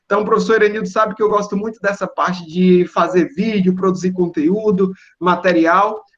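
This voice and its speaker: A young man, giving a relaxed, explanatory talk to students and checking in with "né?" and "certo?". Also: high-pitched, brisk, muffled recording. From Northeast Brazil. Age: young adult. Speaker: guest engineer speaking to students. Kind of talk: relaxed presentation over video call.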